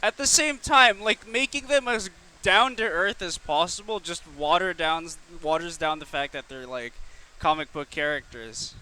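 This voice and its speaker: A man co-hosting a casual comedy podcast, opinionated and excitable, talking into an old microphone. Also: fairly high pitch, a little slow, slight background noise. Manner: opinionated, excitable, says "right on" and "like" a lot. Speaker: podcast co-host. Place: home setup in Manila.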